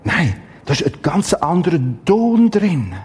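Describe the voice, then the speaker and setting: Husky preacher, slow and emphatic. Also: male voice, fairly high pitch, animated, dark tone. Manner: emphatic, dramatic, exclamations and long pauses. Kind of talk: Bible teaching sermon.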